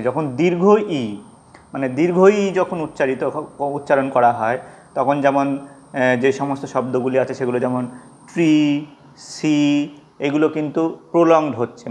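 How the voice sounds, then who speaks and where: A man teaching English pronunciation in Bengali, who asks questions and then answers them himself, and says example words slowly to show the sounds. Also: mid-range voice, darkish tone. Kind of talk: explaining pronunciation.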